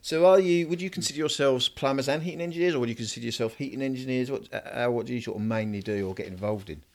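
A man's voice: medium pitch, rapid-fire, a little mellow. A man from East Anglia interviewing tradesmen in a casual chat, asking long rambling questions. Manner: chatty, asks rambling questions. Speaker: host.

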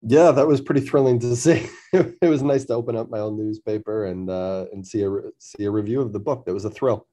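A man's voice: lowish voice, brisk, dark tone. A man from Massachusetts, an author being interviewed over the phone, speaking thoughtfully and laughing easily. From Massachusetts, USA. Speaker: author guest. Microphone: phone line.

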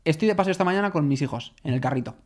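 Animated man telling stories. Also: fairly high pitch, very fast. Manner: animated storyteller, acts out quoted voices. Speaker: podcast co-host. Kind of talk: casual chat.

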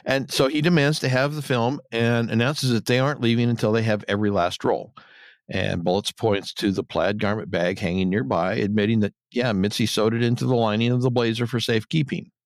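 A man's voice: lowish voice, fairly even intonation, a little fast, no echo. Man recapping an episode, dry sound. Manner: retells scenes, acting out quotes. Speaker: podcast co-host.

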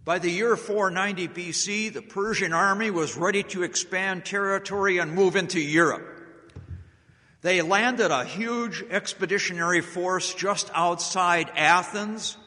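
An American man telling history as a public speaker, deliberate and dramatic, with emphatic pauses. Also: sits high, bright, forceful tone. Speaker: speaker giving a historical talk to an audience. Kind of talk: public storytelling speech on history. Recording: echoey hall with long reverb.

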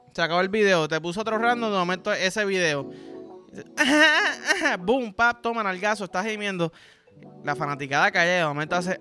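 A man's voice: high-pitched, sharp tone. A young Puerto Rican man hosting a podcast, rambling through vulgar comic stories with sound effects and frequent swearing. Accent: Puerto Rican Spanish. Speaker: podcast host. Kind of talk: crude comedic monologue.

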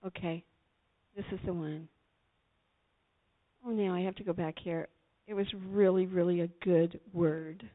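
A woman preaching a sermon, retelling a Bible story in an animated way, acting out quotes and talking directly to her listeners. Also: lowish voice, measured pace, long pauses. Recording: tinny phone-like audio.

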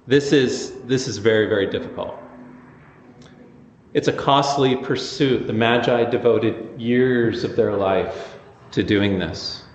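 A man preaching a sermon as pastor, conversational and animated in his storytelling. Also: mid-range voice, takes it slowly, roomy sound, big-room sound, muffled recording, a little hiss or hum.

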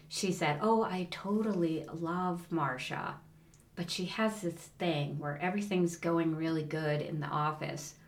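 A woman's voice: sits low, roomy sound. A middle-aged woman co-hosting a podcast, chatting casually and acting out the people in her stories. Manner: animated storyteller, acts out voices in anecdotes. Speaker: podcast co-host. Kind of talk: casual chat.

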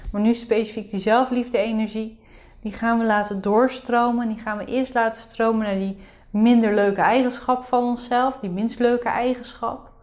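A woman's voice: a little high, steady tone, moderate pace, a little mellow. A woman explaining a meditation exercise as the leader of the session.

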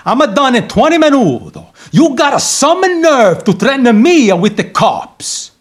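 A man's voice: very high voice, very animated, a little slow, heavily acted. A man voicing a dramatic middle-aged Italian barber who pleads in broken English, with an Italian accent, in a comedic audio drama. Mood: indignant. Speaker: actor.

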